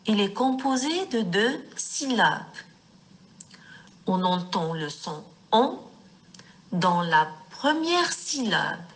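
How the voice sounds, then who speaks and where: A woman teaching young children to read, speaking slowly and word by word, stressing each syllable, and addressing her pupils with affection. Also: mid-range voice. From Morocco. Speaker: primary school teacher. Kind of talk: slow reading lesson for young children.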